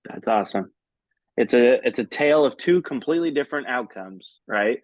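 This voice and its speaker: A man's voice: mid-range voice, animated, normal speed, no echo. A man hosting an interview, chatty and upbeat. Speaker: host. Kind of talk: casual interview.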